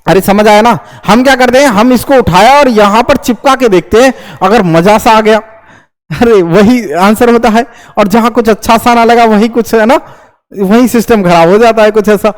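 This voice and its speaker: A young man with a strikingly high voice teaches a grammar lesson. He keeps asking his students questions and answering them himself, checking again and again that they follow. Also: normal speed. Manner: lively, repeats checks like "understood?". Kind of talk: classroom lecture.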